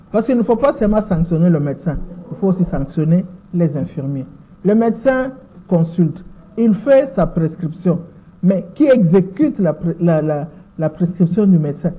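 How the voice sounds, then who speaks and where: Speaking French with a Congolese accent, this interview guest, a lawyer in her sixties from the Democratic Republic of the Congo, answers questions deliberately and repeats words as she searches for them. Her pitch is on the low side, and the thin, boxy sound resembles a phone call.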